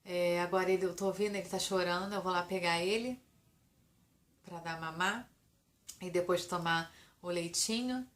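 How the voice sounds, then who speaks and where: A woman's voice: on the low side, steady tone, moderate pace, pauses often. A young woman from Brazil, a new mother, chatting casually to camera in a rambling way with many restarts.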